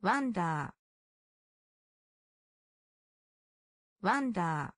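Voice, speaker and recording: A woman reading single vocabulary words one at a time, each repeated with long pauses, in a measured drill manner. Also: medium pitch, animated, fairly bright tone, no echo, studio quality. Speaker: vocabulary reader. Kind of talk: slow repeated word-list reading.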